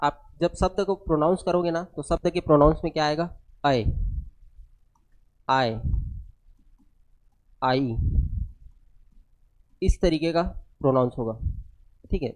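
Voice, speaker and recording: Slightly high-voiced guy teaching grammar, unwell and low energy, keeps asking questions then answering them. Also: unhurried, pauses often, darkish tone. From India. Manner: explains step by step, asks questions and answers them himself. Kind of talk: classroom lecture.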